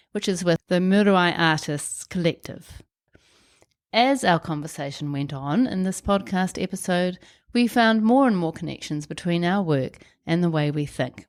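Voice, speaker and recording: A congested woman with a New Zealand accent and a croaky, wheezy, blocked-up voice, hosting a podcast. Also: deep voice. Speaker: podcast host. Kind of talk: podcast introduction and interview chat.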